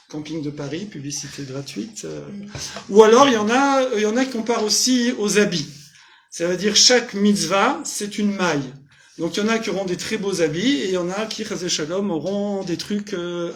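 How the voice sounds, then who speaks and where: A man's voice: high-pitched, fairly bright tone, a little hiss or hum. A man giving a casual, joking Torah class to a group, quizzing them and translating Hebrew terms as he goes. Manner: casual, jokey, asks the audience questions. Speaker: Torah teacher. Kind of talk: lively informal Torah class. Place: small community centre hall.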